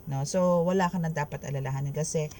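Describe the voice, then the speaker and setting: A tarot reader, giving a reading in an expressive, chatty way, mixing Tagalog and English and tagging phrases with a questioning "no?". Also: medium pitch, quick pace, slight background noise. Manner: mixes Tagalog and English, keeps adding "no?" after phrases; expressive, laughing and exclaiming.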